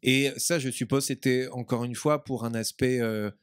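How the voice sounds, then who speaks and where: Male host for a small hospital radio talk show, halting delivery, dry booth. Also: mid-range voice, fairly even intonation, clean tone, dry recording. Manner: hesitant, repeats words while steering talk.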